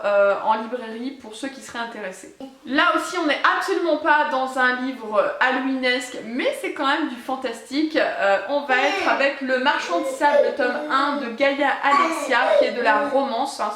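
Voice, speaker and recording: A woman's voice: on the high side, fairly bright tone. Chatty French woman in an echoey room. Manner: chatty, many hesitations. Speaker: book vlogger. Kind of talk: casual book haul chat.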